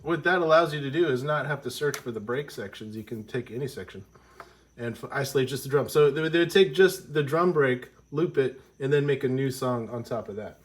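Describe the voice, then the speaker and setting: Congested male music teacher, mid-pitched, loose and rambling delivery. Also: a little fast. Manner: rambling, self-correcting, with frequent ums. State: congested from a cold. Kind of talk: casual explanatory lesson.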